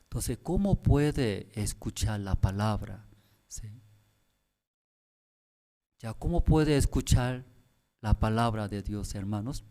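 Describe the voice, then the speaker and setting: Male pastor, sermon delivery, lively swooping intonation, repetitive and pleading. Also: on the low side. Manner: repetitive, pressing rhetorical questions to the congregation; halting, broken phrasing. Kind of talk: sermon at a prayer service.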